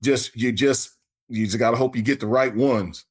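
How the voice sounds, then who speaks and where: A man with a medium-pitched voice and fairly even intonation speaks at a normal speed. He co-hosts a fantasy football podcast, chatting in a laid-back, folksy way and often repeating words as he begins a thought.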